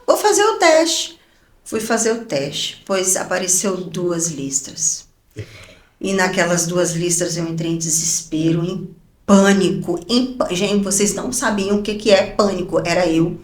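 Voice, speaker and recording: A woman giving an animated personal testimony as a guest evangelist, laughing often and acting out her own quoted words. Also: lowish voice, moderate pace. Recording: roomy echo.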